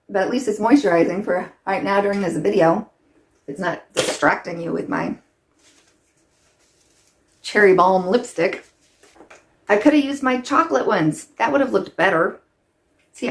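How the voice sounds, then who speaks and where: Casting note: middle-aged woman, lowish voice, chatty rambling vlogger doing makeup on camera. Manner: rambling, chatty, many "like" fillers. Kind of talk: casual chat while doing makeup.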